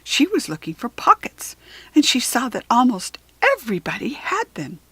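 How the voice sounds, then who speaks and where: A woman reads a children's storybook aloud in a high, breathy voice. She phrases slowly and deliberately, leaning on words for drama. Her intonation is very animated. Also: no room sound.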